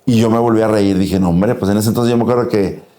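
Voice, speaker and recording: A man's voice: fairly low pitch, fairly even intonation, quick pace, mellow, echoey room. A middle-aged Mexican man with a Mexican Spanish accent, giving an earnest personal faith testimony and acting out the dialogue as he tells it.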